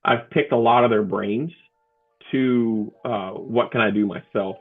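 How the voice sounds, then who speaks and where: Gravelly man on a tinny line. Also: fairly low pitch, fairly even intonation, soft background music. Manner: halting, with frequent restarts and fillers. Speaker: guest, comedian and motivational speaker. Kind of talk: casual interview storytelling. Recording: tinny phone-like remote line.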